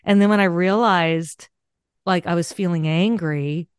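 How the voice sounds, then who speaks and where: In a clean, unhurried voice on the low side, a woman who hosts a podcast and coaches chats animatedly in an interview, poking fun at herself through personal stories and laughing a lot. The studio-quality sound has no echo.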